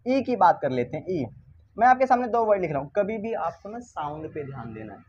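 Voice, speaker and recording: A man's voice: high-pitched, sing-song, a little fast, darkish tone, a little hiss or hum. A male teacher giving a grammar lesson, constantly asking rhetorical questions and repeating the key words, with a playful, chiding manner. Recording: dull lo-fi recording.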